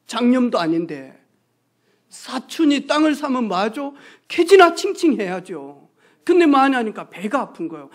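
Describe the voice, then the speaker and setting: A pastor preaching a sermon, telling stories with acted-out quotes and hushed asides. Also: medium pitch. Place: church sanctuary.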